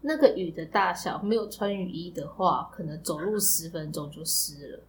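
A woman's voice: lowish voice, moderate pace, a little hiss or hum. Teasing woman in casual chat. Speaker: podcast co-host.

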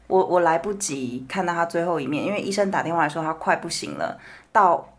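Calm low-voiced woman, matter-of-fact. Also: brisk. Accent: Taiwanese Mandarin. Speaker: podcast co-host. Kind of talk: casual chat.

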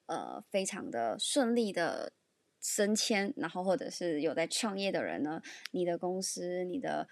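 A young woman hosts a casual solo podcast in Taiwanese-accented Mandarin, her voice sitting a little low for a woman. She talks candidly and chattily, filling gaps with ums as she goes. The recording is close and dry, with no room echo at all. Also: creaky. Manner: chatty and candid, many fillers. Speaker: podcast host.

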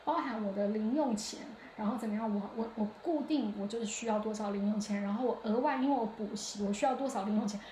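A woman's voice: on the high side, fast, hardly any pauses, dark tone, a little hiss or hum. A woman hosting a solo podcast, talking in a chatty, reflective way with lots of hesitations and restarts. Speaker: podcast host. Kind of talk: casual solo podcast monologue. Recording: echoey room.

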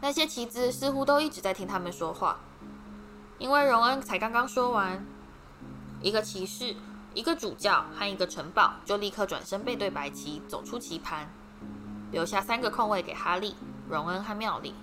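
A woman reading a storybook aloud in a steady, dramatic narrating style. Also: mid-range voice, moderate pace. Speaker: audiobook reader. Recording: background music.

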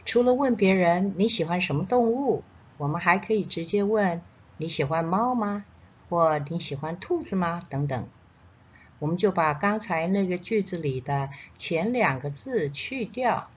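Woman, kindergarten teacher type, lowish pitch, guiding young children through a scripted lesson; unhurried, encouraging, dull lo-fi recording. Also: animated, slightly rough. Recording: dull, lo-fi sound.

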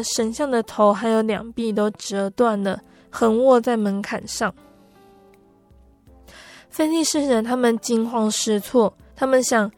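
A woman with a fairly high voice narrates a Bible story for a podcast. She tells it gently and without hurry, using soft filler particles.

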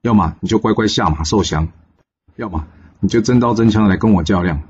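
A man's voice: lowish voice, a little fast, darkish tone, slightly rough, lo-fi sound. A man voicing a brash, hot-headed young male warrior who talks in a defiant, boastful way.

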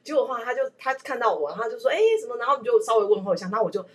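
A woman hosting a podcast, speaking in casual chat and pausing with thoughtful fillers. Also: fairly high pitch, animated. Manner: thoughtful, hesitant, with many fillers. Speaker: podcast host.

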